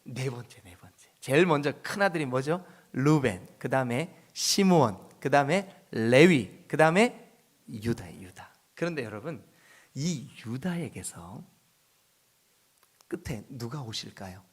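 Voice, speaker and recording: A middle-aged man from South Korea, a pastor giving an early-morning church sermon, telling the story with lively acted-out voices and soft whispered asides. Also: mid-range voice, a little slow, slightly rough.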